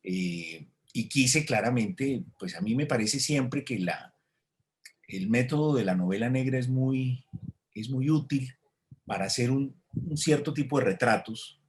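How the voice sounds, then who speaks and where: A man's voice: mid-range voice, lively intonation, unhurried. A man, an author answering interview questions in a reflective way, with hesitations and restarts, over a video call. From Colombia. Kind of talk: thoughtful conversational answer.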